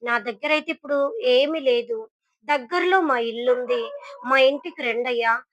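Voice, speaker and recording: A woman's voice: sits high, measured pace, fairly bright tone, no echo. A woman voicing a poor, humble woman who speaks meekly and sorrowfully. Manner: meek, sorrowful.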